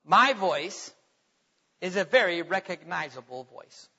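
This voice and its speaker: A man preaching a sermon and reading scripture aloud, stretching his words and swinging from loud emphasis to quiet asides. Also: high-pitched, animated, measured pace, breathy edge. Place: church sanctuary. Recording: reverberant hall, dull lo-fi sound.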